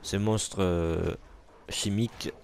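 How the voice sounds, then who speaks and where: A man's voice: deep voice, steady tone, slow, vocal fry, a little mellow, slight background noise. A man casually commentating a superhero video game, joking, swearing and talking back to enemies on screen. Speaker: gamer commentating gameplay. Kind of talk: let's play commentary.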